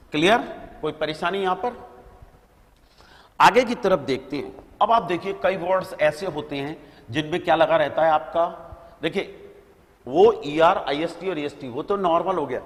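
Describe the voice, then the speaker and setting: A slightly high-voiced man teaching a grammar class, talking slowly and with lots of rise and fall. He keeps quizzing his students and then answering his own questions. A long echo hangs in the room around him. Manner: addresses listeners as beta, checks with "right?"; spells words out letter by letter. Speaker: English teacher.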